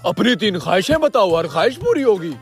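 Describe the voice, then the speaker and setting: A man voicing a blue genie in a cartoon, an eager servant who rushes his master and chants spells. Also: high-pitched, sing-song, faint music behind. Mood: coaxing. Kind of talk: cartoon voice acting.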